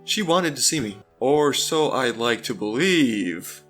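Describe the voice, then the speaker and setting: A man hosts a let's play, alternating between narrating a visual novel's text and casual, chatty asides. His voice sits at an ordinary middle pitch. Faint game music plays beneath him. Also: expressive, takes it slowly, a bit bright.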